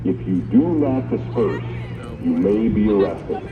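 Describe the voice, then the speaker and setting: A male police officer giving firm, commanding dispersal orders over a loudspeaker like a bullhorn, outdoors on a city street at night. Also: fairly low pitch, huge pitch swings, unhurried, vocal fry, over music, a crowd in the background. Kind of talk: public address announcement. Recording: distant echoey loudspeaker, muffled, loud street noise.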